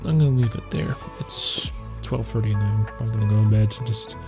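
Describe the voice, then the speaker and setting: A man's voice: fairly low pitch, moderate pace. A man hosting an entertainment news show in a casual, informal, rambling way. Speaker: host of an entertainment news video series. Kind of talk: casual vlog-style film news commentary. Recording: music under the voice. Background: background music.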